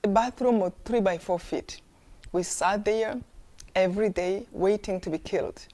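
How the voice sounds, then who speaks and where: Earnest woman from Rwanda, mellow voice. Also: mid-range voice, normal speed. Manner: earnest, emphatic rhetorical questions. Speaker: speaker. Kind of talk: testimony talk.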